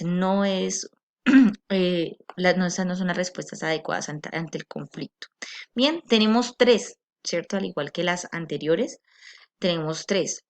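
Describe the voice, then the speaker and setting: Brief: low-voiced woman teacher, patient recorded lecture, constant tag-question check-ins. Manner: patient, explanatory. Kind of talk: recorded online class lecture.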